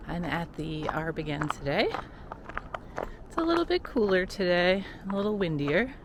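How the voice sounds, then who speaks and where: A woman chatting casually and musing aloud as she records a running vlog outdoors on park trails. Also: fairly low pitch. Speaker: vlogger and recreational runner. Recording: clear outdoor background noise.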